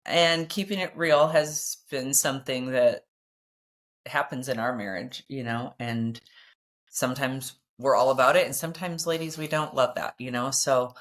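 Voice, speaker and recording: A woman's voice: very deep voice, normal speed. A woman hosting a podcast, talking candidly and reflectively with her husband, often speaking to women listeners. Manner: chatty with many fillers. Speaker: podcast host.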